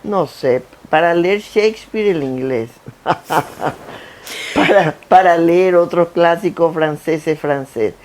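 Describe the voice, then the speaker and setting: An older woman from Guayaquil with an Ecuadorian coastal accent, telling stories about her work in a lively, anecdotal interview. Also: fairly low pitch, slow. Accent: Ecuadorian coastal Spanish, Guayaquil. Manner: animated, anecdotal, lists with repetition. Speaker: interview guest, founder of a foundation. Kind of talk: conversational interview, storytelling. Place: theater stage.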